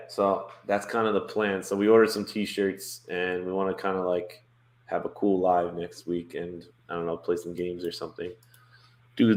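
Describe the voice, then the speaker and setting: A man co-hosting a casual livestream, rambling with many fillers and restarts. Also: low-pitched. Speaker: co-host of a cruise livestream. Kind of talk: casual live-stream chat.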